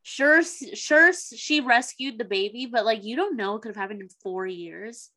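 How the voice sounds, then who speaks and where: A woman's voice: a little high, normal speed, pushed and bright. Blunt, slangy woman podcast co-host. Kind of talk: casual book discussion.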